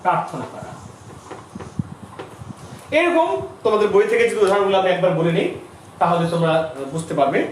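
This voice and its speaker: A middle-aged man teaches a school grammar lesson in a high, very lively voice, repeating each term and putting questions to the class. He sounds far from the mic in a strongly echoing room with faint background noise. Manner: explains slowly, repeats terms, asks students questions.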